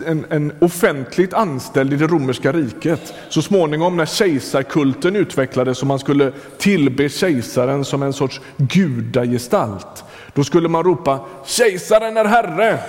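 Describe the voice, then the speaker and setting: Swedish-speaking preacher in a reverberant hall. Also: male voice, on the high side, a little mellow. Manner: conversational, addresses listener directly, frequent restarts. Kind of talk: sermon.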